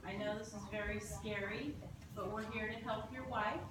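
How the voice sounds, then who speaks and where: A woman playing a calm, supportive hospital staff leader in an acted medical training scenario. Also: mid-range voice, normal speed, natural voice. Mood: gently reassuring. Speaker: staff member leading support and debrief. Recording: echoey room, distant mic, noisy.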